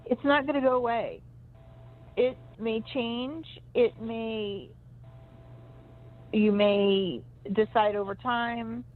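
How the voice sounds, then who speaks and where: A woman on a crackly phone line that cuts in and out, giving a caller an intuitive reading in a searching, hesitant way with many restarts. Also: mid-range voice. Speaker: co-host giving psychic readings.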